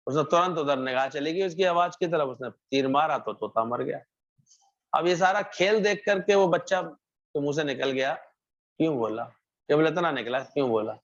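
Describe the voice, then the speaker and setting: A man's voice: fairly high pitch, moderate pace. A man giving a devotional sermon, telling a parable and repeating phrases for emphasis. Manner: storytelling, acts out characters' lines, repeats phrases. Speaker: satsang preacher. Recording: muffled lo-fi recording.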